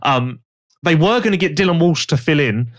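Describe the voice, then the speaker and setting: A man's voice: fairly high pitch, moderate pace. A man, hosting a podcast and chatting casually with gossipy storytelling. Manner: gossipy, animated storytelling with put-on quoted voices. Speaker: podcast host. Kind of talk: casual chat.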